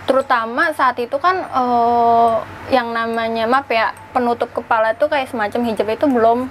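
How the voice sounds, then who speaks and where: Young woman telling a ghost story haltingly. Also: a little high, slight background noise. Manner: halting, searching for words, animated hand gestures. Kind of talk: casual chat retelling a ghost account. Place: indoor studio with a draped backdrop. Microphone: lapel mic.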